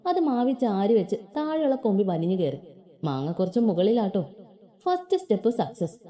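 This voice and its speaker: A woman's voice: mid-range voice, moderate pace. A woman reading a story aloud in a playful, colloquial way and voicing its characters. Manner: lively, playful colloquial narration.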